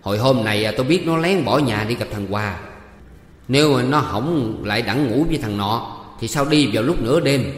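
A man voicing a bossy, quick-tempered middle-aged village wife who scolds and shouts threats. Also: medium pitch, lively intonation, natural voice. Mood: spiteful. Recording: echoey room with long reverb.

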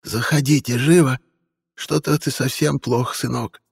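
Мужчина изображает старую травницу. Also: male voice, medium pitch, steady tone, measured pace, vocal fry, slightly rough, dry recording, clean studio sound, big-room sound, voice pushed up, exaggerated voice. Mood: worried. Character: old woman herbalist, fussing and caring. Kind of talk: audiobook character voice.

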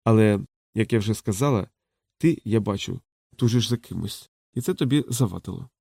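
A man reading a calm, knowing courtesan in a soft, low and hushed voice. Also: normal speed, gravelly, slightly rough, dry recording, clean studio sound, exaggerated voice. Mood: teasing. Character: frank, teasing courtesan woman, calm and knowing.

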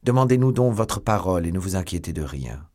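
A man's voice: low-pitched, expressive, a little fast, a little mellow. A man voicing a proud, loyal noble musketeer who speaks in a firm, dignified way in a storybook reading.

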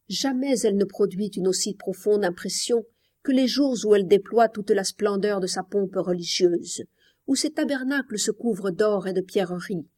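A woman narrating an audiobook in a measured, solemn, expressive way. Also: medium pitch. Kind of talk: scripted narration.

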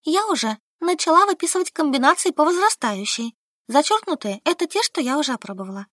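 A woman reading an audiobook, voicing an excitable, bossy young woman in a shrill, quick, indignant voice. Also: dry recording, studio quality. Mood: insistent.

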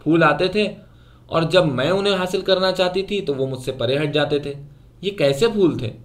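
A woman's voice: low voice, voice pushed up, close to an everyday voice. A man reading a short story aloud, voicing an agitated, suspicious young woman who questions sharply.

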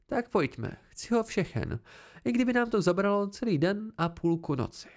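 A man voicing a playful, teasing young warrior woman in an audiobook, raising his voice for her. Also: very animated. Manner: amused and teasing, raised pitch.

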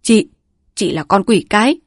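A man's voice: high voice, animated, measured pace, vocal fry, dry recording, clean studio sound, voice pushed up, full character voice. A woman voicing a bitter, furious middle-aged village man who heads the family. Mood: enraged.

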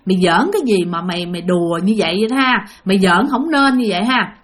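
A woman's voice: mid-range voice, quick pace, pitched below the performer's own voice, lightly acted. A woman with a Southern Vietnamese accent voicing an exasperated middle-aged mother scolding her daughter.

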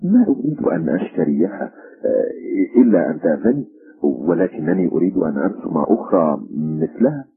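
A man's voice: sits low, very animated, brisk, breathy edge, narrow, tinny audio, heavily acted. Man playing an earnest young art student. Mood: pleading. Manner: gentle, eager pleading.

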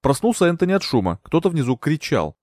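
A man narrating an audiobook with a lively, animated voice that rises and falls with the story. The sound is dry and close, with no room echo at all. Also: on the high side, quick pace. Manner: expressive storytelling.

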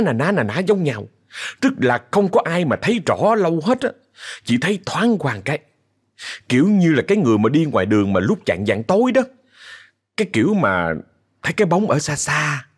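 A man's voice: mid-range voice, breathy edge. A man with a Southern Vietnamese accent narrating a ghost story in a chatty, dramatic way, often speaking straight to his listeners.

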